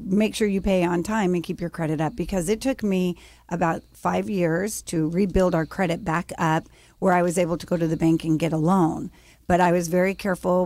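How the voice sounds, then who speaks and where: A middle-aged woman from the United States, a business founder telling her story as an interview guest, acting out the voices of the people she quotes. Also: no echo. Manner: animated storyteller, acts out quotes with raised pitch.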